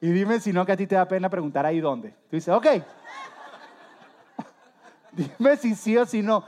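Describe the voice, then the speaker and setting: Lively man preaching with acted-out stories. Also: high-pitched, slow pace, some chatter behind. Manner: animated storytelling, acting out scenes with humor; talks straight to listeners with direct questions. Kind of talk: sermon.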